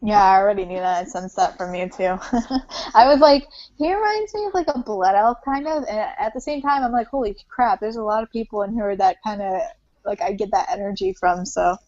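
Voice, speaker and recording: A woman hosting a loose, casual chat, wandering through her thoughts and leaning on "like" at every turn. Her voice sits at an ordinary middle pitch. It is recorded dry, with a dull lo-fi sound. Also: steady tone, a little fast, a little mellow, no room sound. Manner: rambling, says "like" often, self-conscious. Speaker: host.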